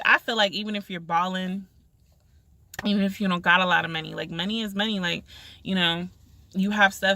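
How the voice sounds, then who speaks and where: A woman's voice: fairly low pitch, vocal fry. A woman vlogger telling a frustrating restaurant story in casual chat, acting out what each person said. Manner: animated retelling, acts out quoted lines.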